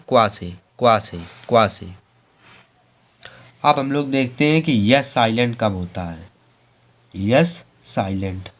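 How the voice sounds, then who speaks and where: Slow, patient male teacher spelling out words. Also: mid-range voice. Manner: slow, spells out letters and repeats each word several times. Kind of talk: Hindi spelling and pronunciation lesson.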